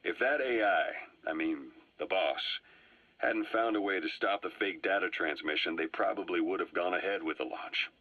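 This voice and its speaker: A male actor voices a sly, composed Soviet spy in a video game, recounting history in scripted dramatic dialogue. His low, husky delivery is grave, with measured dramatic pauses. The dry recording has a cassette tape filter, giving dull, boomy tape playback.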